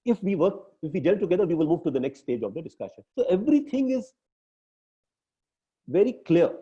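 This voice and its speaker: A man's voice: high voice, very animated, fairly quick, mellow. A man with an Indian English accent coaching his team in an emphatic way, often ending with tag questions. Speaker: business coach. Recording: dull lo-fi recording.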